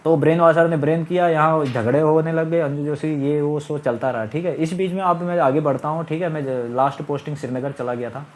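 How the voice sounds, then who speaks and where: A man's voice: fairly high pitch, a little fast, hardly any pauses. A middle-aged man telling a long personal story in a casual, rambling, aggrieved way, repeating his phrases. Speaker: storyteller recounting his marriage. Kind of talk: casual spoken monologue.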